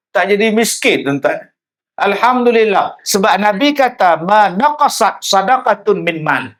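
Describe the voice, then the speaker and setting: High-voiced preacher. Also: male voice. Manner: lively storytelling with humor, addresses the audience directly. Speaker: religious preacher. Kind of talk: public sermon.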